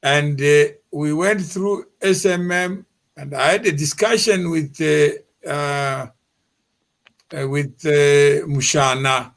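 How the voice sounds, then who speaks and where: A man hosting a discussion, speaking hesitantly with many pauses and fillers. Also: a little high, fairly even intonation, a bit bright. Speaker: discussion host. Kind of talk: reflective talk.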